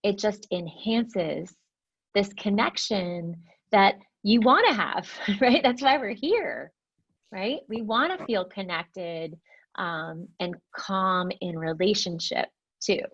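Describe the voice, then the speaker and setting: A woman teaching a mindfulness class in a gentle, reflective way, often checking in with "right?", heard over a video call. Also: mid-range voice, slow, slightly rough. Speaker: meditation teacher. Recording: dull lo-fi call audio.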